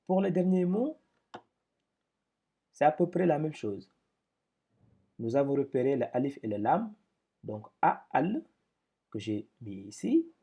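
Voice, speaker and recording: A man's voice: medium pitch, sing-song, measured pace, pauses often, dark tone, breathy edge. A man teaching a step-by-step lesson, explaining patiently with repetitions and speaking up when he drills syllables.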